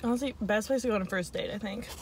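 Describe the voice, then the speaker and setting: A woman's voice: medium pitch, very fast, darkish tone, a little hiss or hum. A young woman hosting a casual mukbang chat, talking while she eats. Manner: chatty, talks while eating. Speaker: YouTuber host. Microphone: phone camera.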